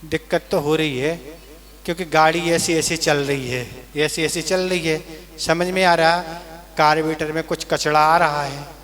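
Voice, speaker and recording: A man teaching a verse class, who chants verse lines slowly and then patiently explains their meaning. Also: on the high side, steady tone, fairly bright tone, in a large hall. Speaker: Jain monk teaching scripture recitation. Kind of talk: slow scripture class.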